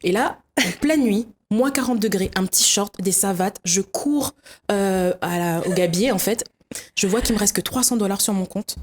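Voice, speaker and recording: A woman's voice: medium pitch, moderate pace, slight background noise. Young woman, telling her story on a talk show, acts out every voice. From Réunion. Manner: lively storyteller acting out dialogue. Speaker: guest.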